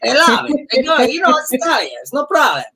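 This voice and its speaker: A man's voice: very high-pitched, big pitch swings, fast talker, a loud crowd, voice pushed up, full character voice. A man putting on a playful, exaggerated mock Italian accent over a video call. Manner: hammy, playful, laughing.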